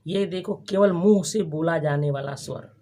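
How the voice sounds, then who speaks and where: A teacher giving a grammar lesson to a class, repeating each term and asking quick questions for the students to answer back. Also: mid-range voice, dark tone. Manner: frequent restarts and checking questions. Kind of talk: classroom lesson with call-and-response.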